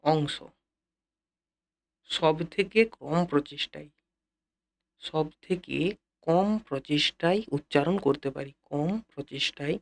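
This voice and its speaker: Man, Bengali accent, English teacher, slightly high voice, repeats phrases, talks straight to students. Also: creaky. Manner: repeats key phrases slowly, addresses students directly. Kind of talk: classroom-style lesson explanation.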